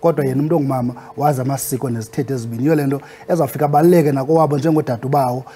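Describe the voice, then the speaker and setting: A man with a Xhosa accent speaks as a guest explaining in a formal, respectful manner. His voice is quite fast, with a soft, dark tone and a husky edge. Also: medium pitch, fairly even intonation, soft background music. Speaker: guest expert on Xhosa customs. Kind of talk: interview talk.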